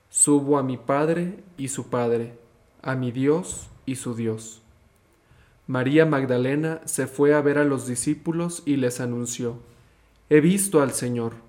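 Calm young seminarian reading scripture. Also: male voice, medium pitch. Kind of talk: gospel reading and short reflection.

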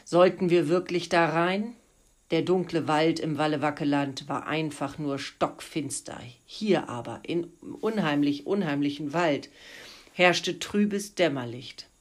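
A woman teacher reading a children's adventure story aloud to her pupils in a lively, playful way. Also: low voice, a little slow.

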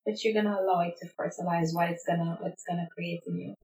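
A woman's voice: fairly low pitch, steady tone, fast talker, darkish tone, echoey room. A woman hosting a podcast interview who affirms her guest and sums up her points in an encouraging way. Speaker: podcast host. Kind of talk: conversational interview.

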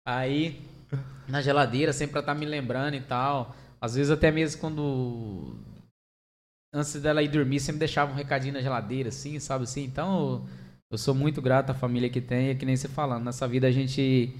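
A middle-aged man with a Brazilian accent, a podcast guest telling stories in an animated, chatty way full of fillers. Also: mid-range voice, fairly quick, a little hiss or hum. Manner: animated, chatty, many fillers, laughs at own story. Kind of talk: casual storytelling chat.

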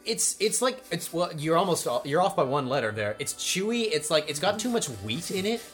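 A man co-hosting an improv comedy podcast, joking around in an animated way and slipping into silly voices. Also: fairly high pitch, normal speed, soft background music. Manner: animated, jokey, bursts into silly voices and laughter. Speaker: podcast co-host.

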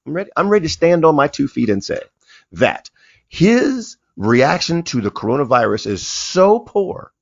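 Animated man co-hosting a chat. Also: mid-range voice, moderate pace, creaky, no echo, highs cut off. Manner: animated, laughing, stumbles over words. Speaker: co-host. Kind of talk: casual chat.

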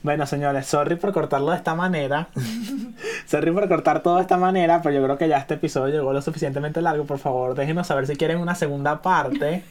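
A man's voice: on the high side, fast. A man with a Venezuelan accent co-hosting a casual podcast, swearing freely and ranting in heated bursts. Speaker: podcast co-host.

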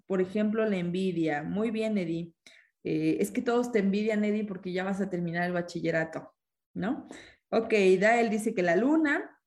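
A woman's voice: mid-range voice, darkish tone. A woman teaching a live-streamed class, explaining ideas, asking questions and reading students' comments aloud.

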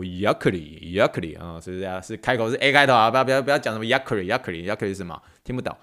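A man's voice: lowish voice, a bit bright. A man with a Taiwanese Mandarin accent, a physical therapist hosting a casual podcast lesson, chatty, repeating words, dropping English words into his talk and spelling them out letter by letter.

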